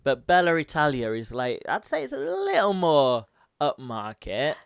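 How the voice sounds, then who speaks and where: A man's voice: a little high, wildly swooping pitch, moderate pace, gravelly, dry recording. An English man co-hosting a podcast, bantering in a joking, self-deprecating way. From England. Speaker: podcast co-host. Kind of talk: casual podcast chat.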